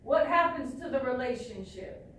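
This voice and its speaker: A woman with a high voice facilitates a group discussion from far off in a very echoey room. She asks question after question, halting and repeating herself, with faint noise around her. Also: lively intonation, a bit bright. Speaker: trainee facilitator.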